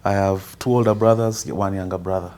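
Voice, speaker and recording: A Kenyan man in his thirties, a guest calmly telling his life story in a casual interview. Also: low voice, brisk. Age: 30s.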